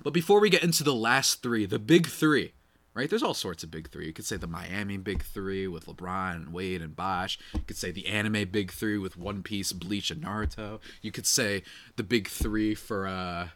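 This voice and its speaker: A man hosting a casual solo sports podcast, slightly nasal and congested, talking in an animated, slangy way with chatty asides to listeners. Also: on the low side, normal speed. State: congested from a cold night.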